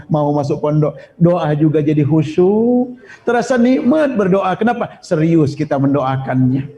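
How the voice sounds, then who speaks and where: A man's voice: fairly high pitch, lo-fi sound. A man preaching a sermon to parents, telling humorous stories and urging patience. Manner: storytelling, humorous, animated exhortation. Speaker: Islamic preacher.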